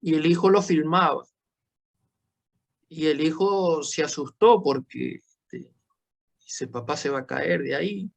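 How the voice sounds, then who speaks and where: Slow, patient male teacher. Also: on the high side, creaky. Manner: slow, explanatory, frequent checking tags. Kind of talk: classroom lesson.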